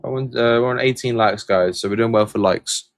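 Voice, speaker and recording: On a dry, studio-quality recording, a mid-range, slightly fast-talking man from England runs a relaxed livestream. He reads out viewers' comments and answers their questions, rambling and hesitating with lots of fillers and false starts.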